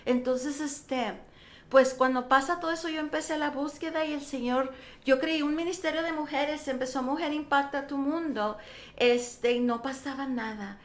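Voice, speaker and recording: In a radio studio, a middle-aged woman pastor shares her testimony during an interview. Her high-pitched voice moves at normal speed with a reverberant sound, and she tells the story animatedly, performing the dialogue she remembers.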